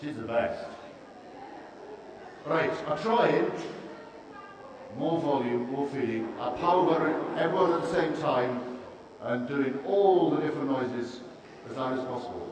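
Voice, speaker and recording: A Welsh man doing live oral storytelling for an audience, dramatic and dropping to hushed tones for suspense, moving between Welsh and English. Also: mid-range voice, measured pace, long pauses, background noise. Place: large performance hall with audience. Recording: echoey hall, distant mic, audience.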